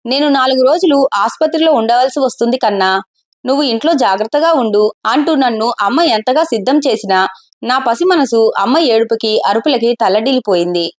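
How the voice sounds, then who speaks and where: A grieving young husband, read by a woman in a storybook telling, guarded and quietly confessional. She keeps her own slightly high voice. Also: animated, a little fast, lightly acted. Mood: sorrowful.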